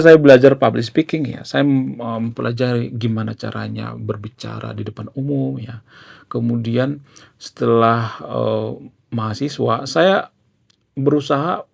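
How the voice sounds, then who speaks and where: A man's voice: mid-range voice, moderate pace, creaky, darkish tone. A young man explaining casually in a chatty way, peppering his sentences with fillers. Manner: chatty, filler-heavy, often ends with "ya". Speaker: YouTuber.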